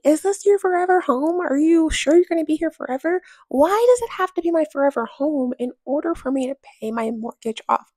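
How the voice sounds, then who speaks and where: Chatty young woman with gravelly voice. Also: high-pitched, a little mellow, dry recording. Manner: candid, emphatic, rhetorical questions. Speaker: home vlogger. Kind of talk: voice-over chat while cleaning.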